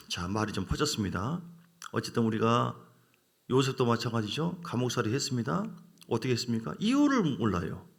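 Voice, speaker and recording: Gravelly, animated male pastor preaching. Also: medium pitch. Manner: animated preaching, acts out quoted voices and asks the congregation questions. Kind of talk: Wednesday evening sermon.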